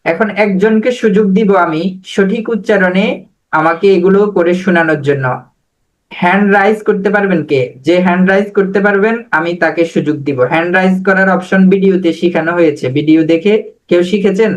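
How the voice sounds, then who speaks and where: A man's voice: sits high, a little fast, low-quality recording. A man teaching an online spoken English class over a video call, patiently drilling letters and words.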